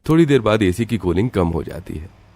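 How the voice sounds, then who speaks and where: A man narrates a cartoon story in an even, matter-of-fact way. His voice is very low. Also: brisk, no room sound.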